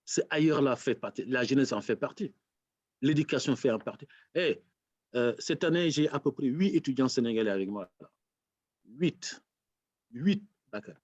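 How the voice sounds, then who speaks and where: A man from Senegal with a Senegalese accent, a lecturer speaking as a talk-show guest and telling stories with animated, acted-out dialogue. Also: medium pitch, normal speed, no room sound, highs cut off. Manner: animated storyteller, acts out quoted dialogue. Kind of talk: casual talk-show conversation.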